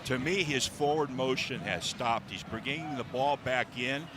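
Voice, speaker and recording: Measured male rules analyst, noisy background. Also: medium pitch. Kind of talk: explanatory sports rules commentary. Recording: broadcast with clear outdoor noise.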